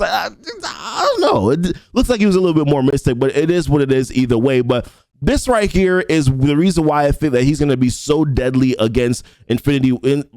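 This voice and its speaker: Recorded dry, a young adult mobile game creator with a fairly high, mellow voice chats casually about a game update. He reads the ability text out loud, rambling and restarting often as he goes through the patch notes.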